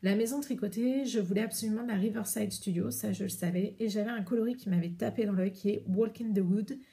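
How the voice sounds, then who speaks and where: A woman's voice: mid-range voice, brisk, warm tone. A French woman hosting a knitting podcast, chatting casually and rambling with many hesitations as she shows her yarn. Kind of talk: casual chat showing yarn to camera.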